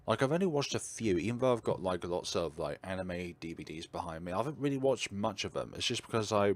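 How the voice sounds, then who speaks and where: Deep-voiced man chatting on stream. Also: lively intonation, fast. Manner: chatty, filler-heavy, slight stutter. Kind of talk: casual livestream chat.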